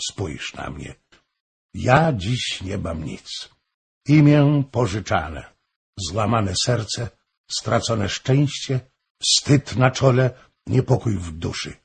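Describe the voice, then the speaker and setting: A man reading an audiobook, voicing a pale, weak, grieving noblewoman who pleads and warns slowly and solemnly. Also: on the low side, vocal fry, slightly rough, exaggerated voice.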